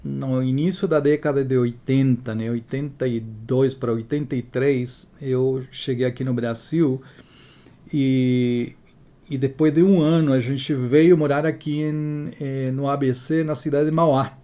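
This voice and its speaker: A man in his sixties from Chile, telling his life story as an interview guest in a measured way, often adding tag questions. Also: medium pitch, fairly even intonation, mellow. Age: 60s.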